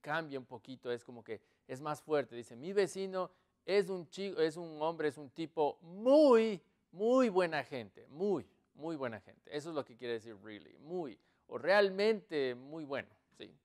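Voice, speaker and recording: A man teaching English in an online lesson, explaining slowly and repeating each example sentence. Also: on the high side, expressive, a little mellow.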